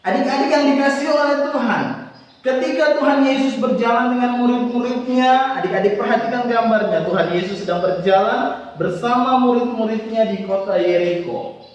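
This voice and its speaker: Lively high-voiced man telling a Bible story to children. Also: normal speed. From Indonesia. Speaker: Sunday school teacher. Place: church hall. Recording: echoey hall from far off.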